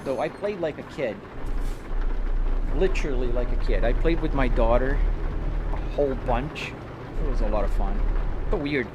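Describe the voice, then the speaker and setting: A Brazilian streamer, a native Portuguese speaker, chats casually with his live viewers and greets them by name while driving a truck simulator at his home sim rig. He speaks at medium pitch and a moderate pace, pausing often, with background noise present.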